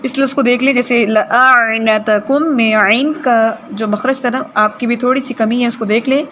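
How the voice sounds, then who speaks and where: A woman teaching Quran recitation in a class, correcting students' pronunciation and slowly modelling words for them. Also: a little high, steady tone, fairly bright tone, slight background noise.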